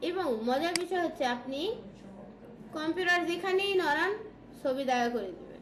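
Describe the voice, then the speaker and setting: A woman with a Bangladeshi Bengali accent teaching a design software class, checking in often with her students. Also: extremely high pitch, normal speed, a crowd in the background. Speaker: design tutor. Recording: echoey room with background noise.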